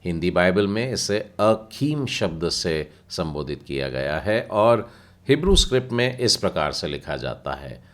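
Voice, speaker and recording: A man's voice: low-pitched, sing-song, unhurried. A man teaching a Bible language class, patiently spelling out letters and their sounds step by step. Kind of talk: slow explanatory lesson.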